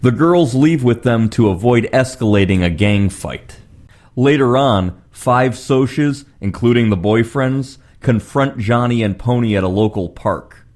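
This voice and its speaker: A man's voice: medium pitch, lively intonation, measured pace, darkish tone. A man reading a scripted plot summary as a film reviewer.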